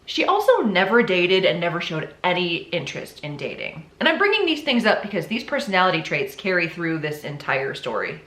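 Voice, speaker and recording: A woman's voice: fairly low pitch, very animated, brisk, hardly any pauses, fairly bright tone. Chatty sarcastic young woman. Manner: chatty and sarcastic, many "like" fillers. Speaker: channel host. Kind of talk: casual true crime storytelling. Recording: roomy echo.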